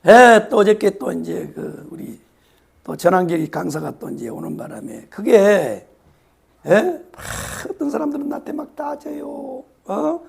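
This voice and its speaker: Man, pastor, hoarse raspy voice, emphatic sermon, high lively pitch. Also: unhurried. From South Korea, Yeosu-Suncheon area. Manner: emphatic, repeats phrases, drops to whispers.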